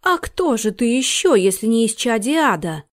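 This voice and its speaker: A woman voicing a superstitious male butler, a former captain, hoarse and indignant in an audiobook. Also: big pitch swings, moderate pace. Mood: fierce. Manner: indignant, raised pitch.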